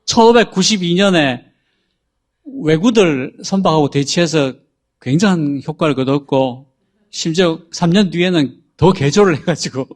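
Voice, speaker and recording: A man's voice: fairly high pitch, moderate pace. A man explaining how a chatbot works on a talk show, in a patient, explanatory manner. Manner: patient, explanatory, reads out example prompts. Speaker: guest explaining AI.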